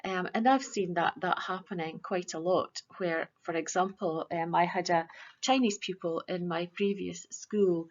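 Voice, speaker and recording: A woman teacher presenting a virtual school assembly in an earnest, measured way, with frequent ums. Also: on the low side, fairly even intonation, highs cut off.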